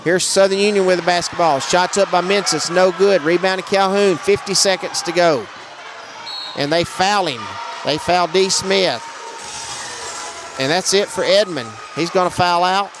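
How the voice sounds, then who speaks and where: A man doing live play-by-play commentary on a basketball game, brisk and matter-of-fact, raising his voice on big plays. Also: high-pitched, noisy background. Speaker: play-by-play announcer.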